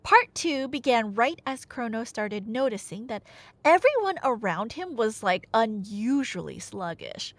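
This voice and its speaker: Here a woman's somewhat high voice swings widely in pitch at a slightly slow pace, recorded close-up with no echo. Her casual ASMR roleplay casts her as a nerdy girlfriend thrilled to retell Greek myths to a listener, playfully teasing and adding dramatic emphasis.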